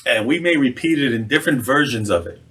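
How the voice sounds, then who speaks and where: Unhurried reverend giving a sermon. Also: male voice, medium pitch, animated, fairly bright tone, slightly rough. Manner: conversational, slows for emphasis.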